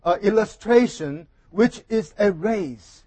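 A man with a high voice preaching from a pulpit microphone, taking his time over each phrase. The sound is close and dry, with almost no room echo. He speaks in short, deliberate bursts, pausing between them. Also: lively intonation, mellow, breathy edge. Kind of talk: sermon delivered in short phrases for an interpreter.

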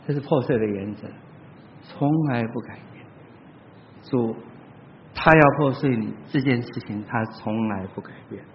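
A man preaching a sermon, telling stories and addressing the congregation, swinging between loud exclamations and soft asides. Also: mid-range voice, moderate pace, long pauses, slight background noise. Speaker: pastor. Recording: long hall reverb, dull lo-fi sound.

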